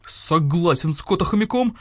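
A woman's voice: fairly low pitch, lively intonation, moderate pace, no echo, studio quality. A woman voicing a rude, snapping male guard dog in a children's audiobook. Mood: brash, snapping. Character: gruff brash male village guard dog.

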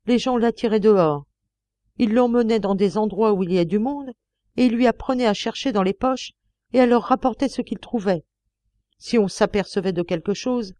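A woman's voice: mid-range voice, warm tone, dry recording, natural voice. A woman voicing a distraught young mother. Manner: pleading, tearful outbursts. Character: young working-class mother, proud, distraught. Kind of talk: audiobook character reading.

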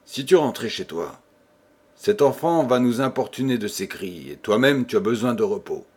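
A tense husband whose anxiety turns into curt, brutal replies, voiced by a male reader. The tone stays clipped and irritated. It is read as storybook audiobook dialogue with a mid-pitched male voice. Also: sing-song, normal speed, a little mellow, slightly rough. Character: anxious, increasingly brutal husband.

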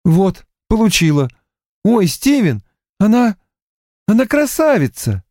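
A man reading an audiobook voices a sleepy, softly emotional young woman detective, raising his voice for her. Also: high voice, very animated, slow, dry recording, studio quality, pitched above the performer's own voice, heavily acted. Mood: sleepy, touched.

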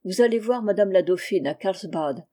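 A genial old king in exile speaks with a gentle, rueful warmth. A woman reads him aloud in a storybook manner. The voice stays soft and mellow. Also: high voice, lively intonation, moderate pace. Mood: cordial. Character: aging deposed old king, genial and regretful.

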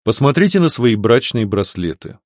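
A man's voice: mid-range voice, sing-song, moderate pace, no room sound, clean studio sound. Man voicing an anxious devout priest. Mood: worried. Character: anxious devout male priest, soft-spoken. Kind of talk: audiobook reading.

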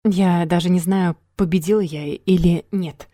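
A woman reads as a weary young woman in an audiobook, subdued and resigned. The voice is low and warm, with a dry, close sound. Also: steady tone, a little slow, no echo, close to an everyday voice. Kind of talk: audiobook character reading.

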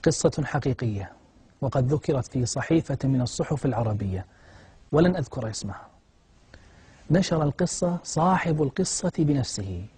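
Dramatic male preacher, husky voice. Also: a little high, mellow, no room sound. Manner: dramatic, rising to emotional peaks. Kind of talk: religious storytelling sermon.

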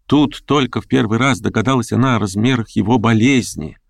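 A man narrating a classic novel in a measured, steady storytelling manner. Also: medium pitch, vocal fry, dry recording, clean studio sound. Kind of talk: audiobook reading of a classic novel.

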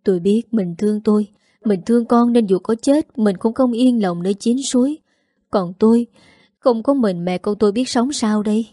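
A woman's voice: a little high, moderate pace, dark tone, no room sound, clean studio sound, close to an everyday voice. A woman voicing a grieving pregnant widow. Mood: pleading lament. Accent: Southern Vietnamese. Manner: tearful pleading lament.

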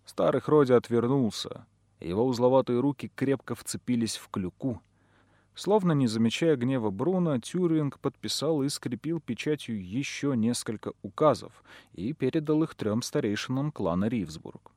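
A man narrating a first-person audiobook, measured and dramatic. His voice sits at a middle pitch. The recording is dry and close, with no room sound. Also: expressive, warm tone, no echo.

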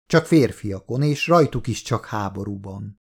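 A man reading a horror novel aloud as an audiobook narrator, steady and measured. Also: lowish voice, creaky, breathy edge.

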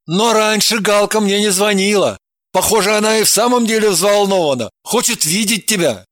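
A woman's voice: mid-range voice, normal speed, no echo, clean studio sound, close to an everyday voice. A woman voicing an easygoing man who teases and jokes casually in a storybook reading. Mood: urging. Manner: teasing, casual. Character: easygoing joking man, friend.

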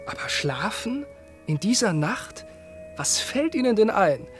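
A man's voice: high-pitched, sing-song, a little slow, soft background music. An actor playing a flippant, teasing male acquaintance in a radio play, talking in a mocking, theatrical way.

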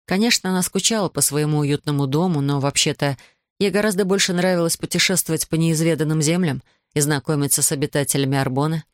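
A woman narrating an audiobook with even, expressive storytelling. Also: low voice, quick pace, no echo, studio quality.

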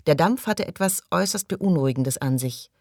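A man narrating a science-fiction audiobook in a measured reading style, dropping quieter at tense moments. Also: fairly high pitch, animated, gravelly, dry recording, studio quality. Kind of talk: scripted narration.

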